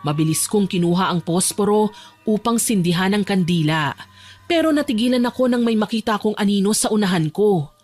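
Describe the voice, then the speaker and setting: A young woman voicing a frightened young woman locked in a dark basement, tense and pleading as she narrates her own horror story. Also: medium pitch, animated, a little fast, natural voice. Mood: hushed. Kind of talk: first-person horror story narration and dialogue. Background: faint music.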